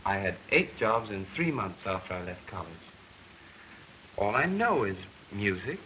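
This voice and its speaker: An actor playing an earnest, affectionate young composer, newly married and anxious, in an early talkie film. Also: male voice, lowish voice, very animated, measured pace, sharp tone, full character voice. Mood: worried. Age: young adult. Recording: scratchy 1920s film soundtrack.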